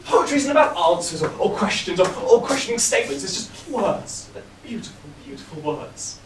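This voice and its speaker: A man's voice: sits high, very animated, brisk, a little hiss or hum. A man playing Charles, a dreamy romantic poet son. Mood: earnest. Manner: earnest, lofty, flowery. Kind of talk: amateur stage farce acting. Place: theatre stage. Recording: echoey stage recording from far off.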